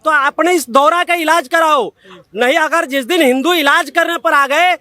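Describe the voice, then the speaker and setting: A man's voice: extremely high pitch, moderate pace, bright, forceful tone, dry recording. A man giving emphatic political opinions in a street interview, repeating points and issuing warnings.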